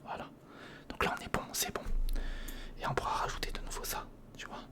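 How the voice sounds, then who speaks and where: The speaker is a male ASMR video creator giving brisk, breathy-whispered commentary while constructing something. His casual muttering splits between self-talk and the viewer.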